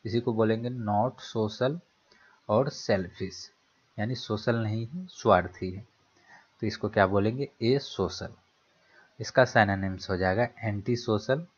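A man with an Indian English accent and a fairly low voice teaches vocabulary at a slow, deliberate pace. He mixes Hindi and English, poses a question and then answers it himself. The recording sounds slightly dull and lo-fi. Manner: slow, explanatory, repeats rhetorical questions.

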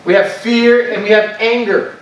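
High-voiced pastor in an echoey church. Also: male voice, steady tone, normal speed, fairly bright tone, slight background noise. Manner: conversational preaching with rhetorical questions. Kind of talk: sermon. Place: church sanctuary. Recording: echoey church sound from a distant mic.

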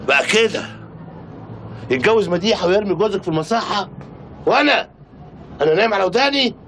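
A man's voice: sits high, expressive, quick pace, a bit bright, a little hiss or hum, rough recording. An actor with an Egyptian accent playing a boastful, scheming father who blusters and shows off. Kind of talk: TV drama acting.

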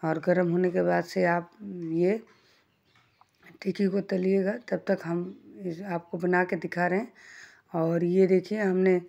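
Her voice is fairly low, warm and creaky, a little slow with little pitch movement, and the recording sounds muffled. She runs a home cooking channel, chatting homely step-by-step instructions while she cooks in her kitchen.

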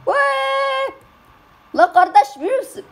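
A woman commenting on a game in casual chat, excitable and slangy, often yelping and shouting. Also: very high-pitched, slow. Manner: slangy, keeps saying "lan". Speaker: gamer.

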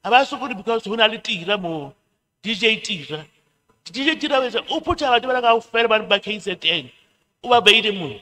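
A middle-aged woman on the committee addresses a public hearing in a community hall through a handheld mic, switching between Sesotho and English and repeating herself. Her voice is on the high side, bright, forceful and animated, she talks fast, and the hall adds long reverb.

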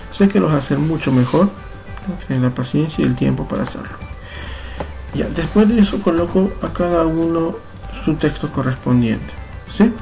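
A young man with a Peruvian Spanish accent, a computer teacher patiently walking through a software tutorial step by step, correcting himself as he goes. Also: a little high, vocal fry. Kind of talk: screen-recorded software tutorial.

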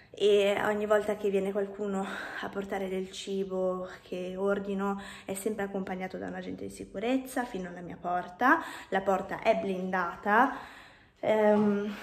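Young woman, casual vlog chat, rambling with fillers, handheld phone, indoor rooms. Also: mid-range voice. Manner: walking while filming. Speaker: vlogger. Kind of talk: casual home-tour vlog. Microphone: phone held at arm's length.

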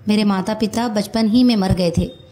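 A woman reading a storybook who voices a naive, lovesick young woman with an excitable, pleading manner. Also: medium pitch, moderate pace, natural voice. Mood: emotional.

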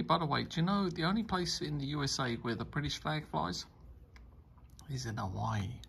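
Slow, gravelly man reviewing beer. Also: medium pitch, a bit bright, a little hiss or hum. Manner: rambling, enthusiastic tasting remarks. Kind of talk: casual review chat.

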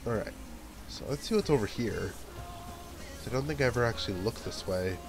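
A man with a stuffy nose talks briskly and expressively in a mid-range voice during his let's play. Over the game's music, he chats casually and works out his next move out loud.

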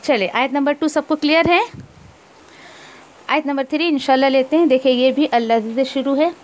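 A woman teaching tajweed, explaining each rule and then slowly reciting verses, correcting wrong pronunciations and mixing in English words. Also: high-pitched.

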